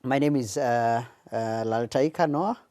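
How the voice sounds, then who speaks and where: A man from Tanzania, answering interview questions in a measured way with frequent hesitations. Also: medium pitch, darkish tone, no room sound. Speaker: guest, public relations officer.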